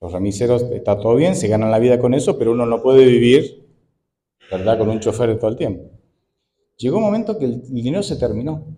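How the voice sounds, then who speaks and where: Animated Argentine pastor preaching. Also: male voice, medium pitch, a little fast, slight background noise. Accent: Argentine Spanish. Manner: conversational, rhetorical questions, animated. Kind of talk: sermon.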